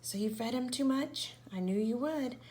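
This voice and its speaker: A woman's voice: on the high side, normal speed, darkish tone, pitched above the performer's own voice, natural voice. A woman voicing a knowing older man in a read-aloud storybook, speaking in a weary, half-whispered way. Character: knowing older male fish shop owner.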